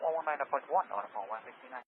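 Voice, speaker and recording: A man radioing the tower as an airline pilot from his cockpit headset, halting and asking for repeats. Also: mid-range voice, expressive, slightly rough. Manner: halting, asks for repeats and confirmation. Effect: pilot cockpit headset radio transmission. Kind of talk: radio calls to air traffic control. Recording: tinny noisy radio channel.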